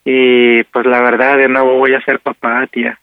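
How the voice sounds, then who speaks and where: A man's voice: medium pitch, monotone, moderate pace, clean tone, dry recording, phone-quality sound. A Mexican man in his thirties chatting casually on a call, with a somewhat hesitant delivery. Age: 30s. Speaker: prank caller. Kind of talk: casual phone chat. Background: faint background music.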